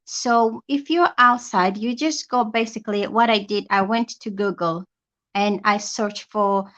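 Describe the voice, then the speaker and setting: A woman's voice: medium pitch, unhurried, fairly bright tone. A woman from Tanzania, a healthcare assistant and guest, speaking in a casual interview, chatty and plain.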